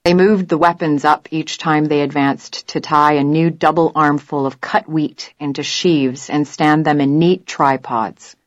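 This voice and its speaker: A woman narrating an audiobook in a measured, even storytelling manner. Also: sits low, no echo, muffled recording. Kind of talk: scripted narration.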